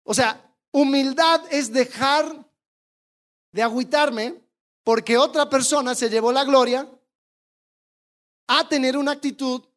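A preacher delivering a sermon, animated, asking the congregation rhetorical questions and acting out the attitudes they describe. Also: sits high, measured pace, long pauses. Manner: animated, acts out quoted attitudes.

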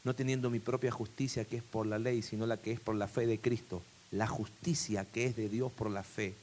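A man preaching a sermon, swinging from hushed to emphatic. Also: fairly low pitch, fairly even intonation, normal speed, slight background noise.

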